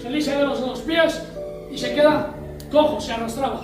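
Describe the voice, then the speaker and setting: A man's voice: very high-pitched, steady tone, moderate pace, music in the background. A man with a Spain Spanish accent preaching a sermon, telling a story and acting out its scenes in different voices. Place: church. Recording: echoey church hall, mic at a distance.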